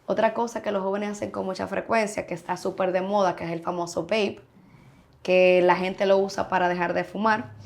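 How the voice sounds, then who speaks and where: A woman's voice: mid-range voice, steady tone, brisk, creaky. A woman urologist answering interview questions frankly and emphatically, sometimes acting out what patients say. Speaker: urologist guest.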